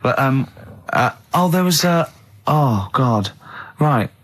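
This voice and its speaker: A man's voice: medium pitch, lively intonation, takes it slowly, fairly bright tone. A man with an English accent hosting a radio show, chatting and teasing as he rambles through stories. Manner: chatty, rambling storyteller who teases. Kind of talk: casual radio banter and anecdotes. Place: radio studio.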